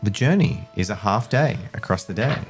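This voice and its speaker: A man's voice: fairly low pitch, animated, moderate pace, creaky. A man running a tabletop game as game master, casually narrating and often stopping to correct himself. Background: music.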